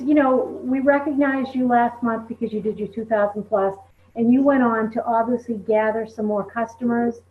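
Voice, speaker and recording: A woman leading a team recognition call, speaking conversationally and peppering her talk with "you know". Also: fairly high pitch. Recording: tinny phone line.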